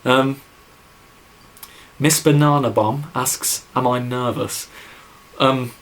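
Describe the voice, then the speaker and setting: Slow and fairly even in intonation, this young adult's mid-range voice sounds a bit bright. He's from England near Birmingham, with a mild Midlands accent, and is answering viewer questions in a casual vlog Q&A. By his own admission he rambles, using plenty of fillers and "like."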